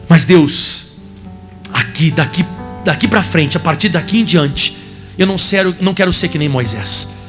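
A Brazilian pastor in a church service, his voice pitched high for a man as he preaches. He drops to soft asides, then rises into loud, fervent passages, with faint music underneath. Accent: Brazilian Portuguese. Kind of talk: sermon.

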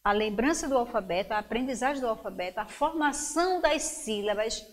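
Speaking briskly and with animation, a woman teacher instructs young children. Her voice is high, and she cheers the kids on while stretching words out syllable by syllable.

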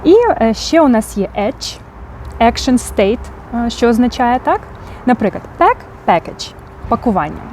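A woman's voice: on the high side, lively intonation, normal speed, darkish tone, a little hiss or hum. A woman with a Ukrainian accent teaching English vocabulary, explaining patiently and often checking in with "так?". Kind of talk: vocabulary lesson.

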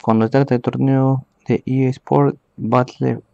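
A man casting a live esports match from home, his voice rough with fry. The sound is dry and close, with almost no room around it. He gives hurried play-by-play and speaks straight to the viewers. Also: mid-range voice, fairly even intonation, darkish tone, dry recording, highs cut off. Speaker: esports caster. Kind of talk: live game commentary.

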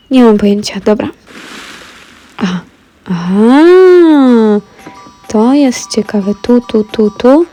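A woman's voice: medium pitch, mellow. A woman with a cold and a stuffy throat, chatting to viewers while she plays a game. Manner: chatty, talks straight to viewers. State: congested with a cold. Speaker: let's play gamer. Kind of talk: casual gameplay commentary.

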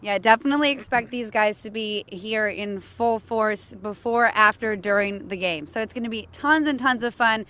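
A woman's voice: medium pitch, normal speed, few pauses, pushed and bright. A woman doing a chatty, upbeat live TV field report outdoors and interviewing fans. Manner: upbeat, chatty, asks questions. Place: outdoors at a stadium area.

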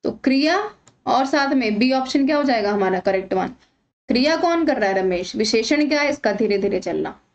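A woman's voice: fairly high pitch, lively intonation, moderate pace, lo-fi sound. A woman teaching an exam-prep grammar lesson, patiently asking questions and answering them herself.

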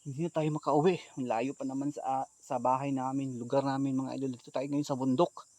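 Breathless man hunting ghosts on a mountain, jumpy vlog host, hushed one moment and shouting the next. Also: medium pitch, a little fast, no echo. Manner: excitable, swings between hushed talk and alarmed shouts. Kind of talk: casual vlog narration. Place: outdoors on a mountain at night.

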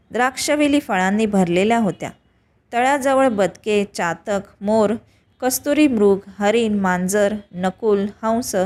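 A woman telling a devotional tale as scripted narration, reading evenly in short, measured phrases. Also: mid-range voice, darkish tone. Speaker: storyteller.

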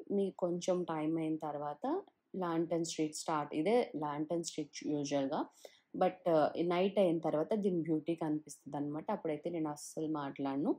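A woman with a low, mellow voice talks through a walking tour on her phone. Her delivery is chatty and loose, sprinkled with English words and drawn-out "ahh"s. She is outdoors by a river. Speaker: travel vlogger. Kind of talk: casual walking-tour narration. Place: outdoors along a riverside town walk.

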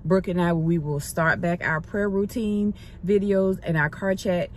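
A woman's voice: fairly low pitch, fairly even intonation, unhurried, slight background noise. A middle-aged woman, chatting casually to viewers from her car and leading a spoken prayer with an encouraging, repetitive cadence. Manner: upbeat, encouraging, repeats phrases in prayer cadence. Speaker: vlogger. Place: parked car interior. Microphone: phone camera on the dashboard.

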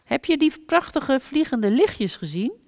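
Woman doing a little curious boy hedgehog, storybook, high and eager, dry sound. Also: sing-song, unhurried, a little mellow, no room sound, in a large hall, heavily acted. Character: small curious young male hedgehog.

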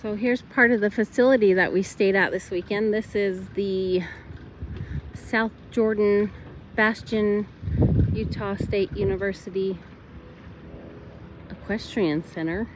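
This middle-aged woman trains horses, races barrels, and hosts a ranch vlog, chatting plainly and informally with viewers from fields, a parking lot, her vehicle, or the tack room. Her medium-pitched voice keeps a steady tone at a measured pace with frequent pauses. A handheld camera or phone held at arm's length picks up a noisy background.

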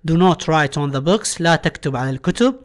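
An Iraqi-accented male teacher explains a lesson with a fairly high voice. He reads each English sentence slowly and deliberately before translating it. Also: lively intonation. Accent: Iraqi Arabic. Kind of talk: recorded classroom lesson.

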